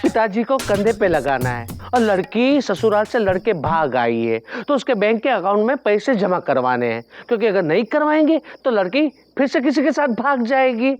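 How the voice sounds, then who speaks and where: Sly village dealer in a tv sitcom, bouncy voice, music under it. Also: male voice, high-pitched, big pitch swings, normal speed, hardly any pauses. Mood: scheming. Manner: sly haggling, rustic village Hindi. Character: scheming small-town man selling his political support. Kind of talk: TV sitcom acting.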